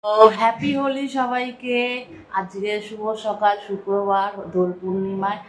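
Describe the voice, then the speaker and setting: A woman with a Bengali accent, chatting casually as she cooks in her home kitchen, keeping her voice soft and slow. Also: medium pitch. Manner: talks softly and slowly so as not to wake a sleeping child. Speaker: vlogger. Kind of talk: casual cooking vlog narration. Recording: noisy home recording.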